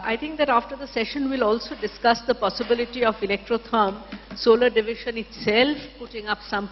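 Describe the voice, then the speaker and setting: A session chair making formal introductions at a conference. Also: mid-range voice. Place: large conference hall. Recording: dull hall microphone, long reverb.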